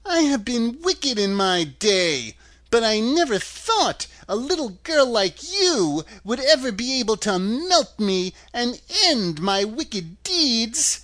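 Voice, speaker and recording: A storyteller voicing a wicked, cunning old witch from a storybook, with a drawn-out, cackling and wailing delivery. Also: medium pitch, very animated, fairly bright tone, voice pushed up. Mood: wailing, doomed. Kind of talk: storybook character voice.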